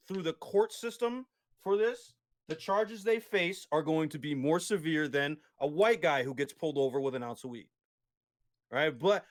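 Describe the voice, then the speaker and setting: A man in a casual debate, explaining at length with many restarts and tag questions. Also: on the high side. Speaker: guest.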